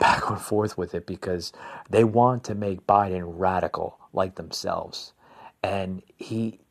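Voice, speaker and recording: With a voice on the low side, an American conservative podcast host from New Jersey riffs without a script, voicing strong opinions. He speaks haltingly, repeats himself, and refers to listeners as "folks."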